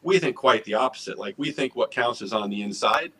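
A man's voice: medium pitch, a little fast, slightly rough, distant mic. A middle-aged man, a restaurant executive, talking earnestly and energetically in a video interview from his home office. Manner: earnest, energetic, gestures while talking, repeats words. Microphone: webcam on a video call.

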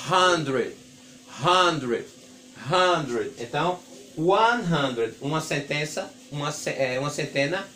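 A male English teacher whose first language is Portuguese gives a classroom lesson at the board, slowly repeating English number words for his students. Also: a little high, fairly bright tone, slight background noise. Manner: slow, drawn-out repetition of English words for students. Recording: echoey room with faint ambience.

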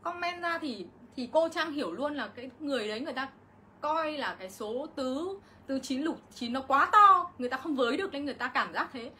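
Speaking fast with lively intonation, this middle-aged vlogger lashes out at her critics in an indignant rant during a casual livestream. The voice is high and fairly bright, and there's a little hiss or hum.

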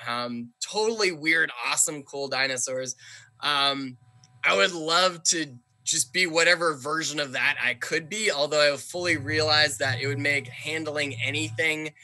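A man's voice: on the high side, unhurried, pushed and bright, no echo. A man talking as a podcast guest, chatty and enthusiastic, with lots of fillers. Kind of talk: casual conversation.

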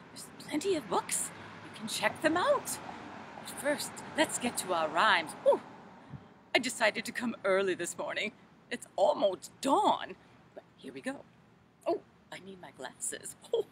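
A woman doing a dotty old Mother Goose, her voice pitched high and bright and swinging wildly up and down. She talks slowly, lingering on each word, and keeps breaking into flustered little exclamations. She leads rhymes for small children in a doting, scatterbrained way. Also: a little hiss or hum, heavily acted. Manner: flustered, fluttery, exclaims "oh goodness". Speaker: library storytime performer. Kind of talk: children's rhyme time in character.

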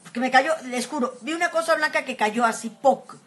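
A woman's voice: high-pitched, fairly quick. A middle-aged woman with a Mexican accent hosting a casual phone livestream, chatting and exclaiming as she answers viewers' comments. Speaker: livestream host.

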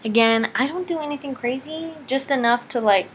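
Her voice is high-pitched and slightly rough, at a moderate pace: a young adult beauty vlogger chatting through an informal makeup tutorial in her living room. She rambles and pokes fun at herself while working, captured on a noisy home camera.

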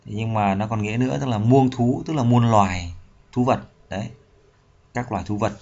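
A man teaching English vocabulary in Vietnamese, with a Vietnamese accent, reading English lines slowly and repeating words to drill pronunciation. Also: fairly low pitch, a little mellow, muffled recording. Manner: reads English slowly then explains in Vietnamese. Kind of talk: bilingual vocabulary lesson.

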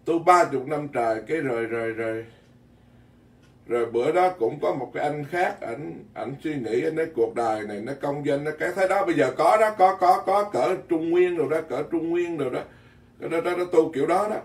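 A man's voice: fairly high pitch, brisk. A Buddhist monk gives a blunt, folksy dharma talk, often repeating words as he goes. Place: temple hall in Virginia. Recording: echoey hall, mic at a distance.

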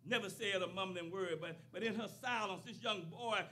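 A man's voice: high-pitched, normal speed, sharp tone. An older man preaching a sermon at a church pulpit into a stand microphone, building into a rising, repeated cadence. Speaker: pastor.

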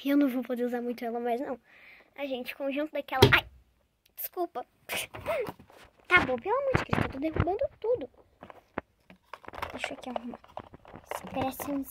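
Brazilian girl vlogging while she packs, high voice, bursts out loud then mutters, noisy room with clicks. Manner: chatty, jumps between loud exclamations and quiet muttered asides. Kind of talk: casual chat while packing. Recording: clear background noise, handling clicks.

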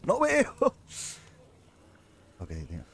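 A man's voice: high voice, wildly swooping pitch, extremely slow, gravelly, slight background noise. A man with a Spain Spanish accent giving live gameplay commentary as a streamer, muttering to himself and swearing often.

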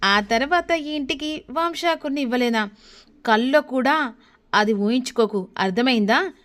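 A woman's voice: sits high, lively intonation, measured pace, fairly bright tone. A woman doing a sneering, scornful young woman. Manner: sneering, dismissive.

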